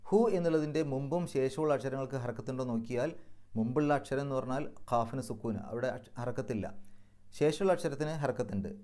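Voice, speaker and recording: A man teaching Quran recitation rules in a methodical lesson, slowing down to recite and stretch example phrases. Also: mid-range voice, darkish tone. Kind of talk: tajweed lesson.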